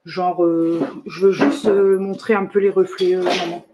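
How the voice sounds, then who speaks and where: A woman's voice: fairly low pitch, little pitch movement, a little slow, over a noisy crowd. A woman from France hosting a live product demonstration, chatting casually, laughing often and correcting herself as she goes. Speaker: host of a live product demo. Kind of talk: casual live stream chat.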